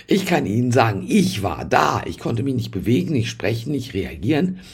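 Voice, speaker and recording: A man voicing a calm, clear woman who was once a coma patient, speaking plainly. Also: medium pitch, moderate pace, exaggerated voice. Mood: insistent.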